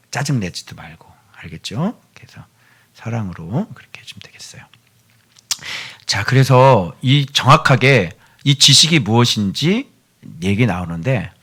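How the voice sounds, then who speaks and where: 생기 넘치는 남자 목사의 설교. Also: male voice, medium pitch, fairly bright tone, husky. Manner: chatty, teasing children by name, drops to near-whispers. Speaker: pastor. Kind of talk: sermon. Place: church sanctuary.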